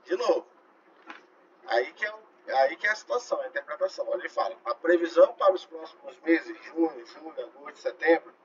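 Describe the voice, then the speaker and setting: A man teaching a math class in a classroom, in a loose, chatty way, with many tag questions, slowing down to stress key phrases. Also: a little high. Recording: dull lo-fi classroom recording with faint noise.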